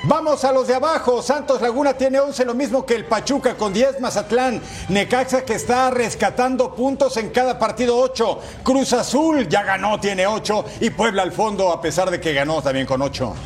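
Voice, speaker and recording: A man's voice: very high-pitched, moderate pace, hardly any pauses. A man co-hosting a sports show, commenting on football in a playful, exclamatory way. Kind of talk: excited football highlights commentary and banter. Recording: music bed behind the voice.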